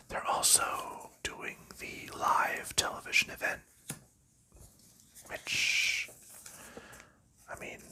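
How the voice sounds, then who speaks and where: Whispering softly, a male ASMR host rambles casually while he unwraps game cards and slips them into sleeves. He pauses frequently and says "um" a lot.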